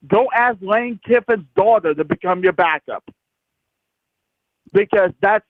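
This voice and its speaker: A man from Florida calls in to a sports show over the phone and rambles excitably through his points with plenty of jokes. His voice sits high, and the line is thin and tinny. The sound is dry and close. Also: no echo. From Crestview, Florida, US. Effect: heard over a phone line. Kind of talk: casual phone-in chat.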